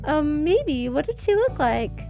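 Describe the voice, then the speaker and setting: A woman's voice: high voice, very animated, a little slow, dark tone, soft background music, heavily acted. A woman voicing a nervous young librarian in a visual novel, hesitant and stumbling over her words. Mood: flustered.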